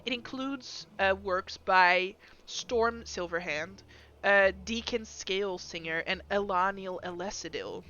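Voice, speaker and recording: A woman with a mid-pitched voice runs a tabletop game as game master. She improvises her narration as she goes. The audio is a little dull and lo-fi. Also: unhurried, sharp tone.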